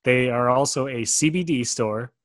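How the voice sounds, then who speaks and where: A man's voice: mid-range voice, normal speed, no room sound. A man from Wisconsin co-hosting a podcast in a chatty, rambling way, laughing easily. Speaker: podcast co-host. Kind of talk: casual chat.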